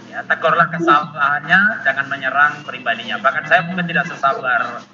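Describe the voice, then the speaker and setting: Brief: male seminar speaker, high and very expressive, emphatic delivery, dull lo-fi call audio with steady hiss. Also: fairly quick. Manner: animated, emphatic, laughs often. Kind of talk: lively webinar talk. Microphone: video call. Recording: muffled video-call audio with steady noise.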